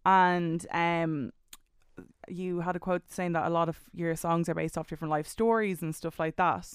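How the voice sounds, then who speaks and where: A woman's voice: fairly low pitch, fairly even intonation, normal speed, clear, resonant tone, dry recording, clean studio sound. A woman with an Irish accent interviewing someone in a chatty, encouraging, casual way.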